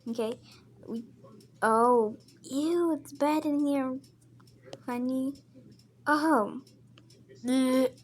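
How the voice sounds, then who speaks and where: A woman's voice: high-pitched, fairly even intonation, very slow, pauses often, a little hiss or hum. A woman playing a mother in a casual game role-play, chatting and stopping to narrate what her character does.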